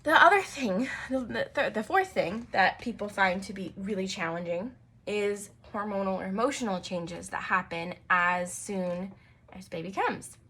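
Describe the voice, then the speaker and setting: A woman's voice: medium pitch, unhurried, pushed and bright, husky. A young adult woman hosting her own podcast as a naturopathic doctor, talking casually with frequent fillers and light laughs. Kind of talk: casual solo podcast talk.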